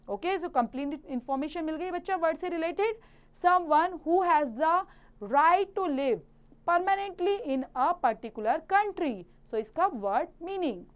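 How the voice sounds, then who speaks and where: A woman with an Indian accent teaching a grammar lesson to children. She reads English slowly and carefully, then explains quickly in Hindi. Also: sits high.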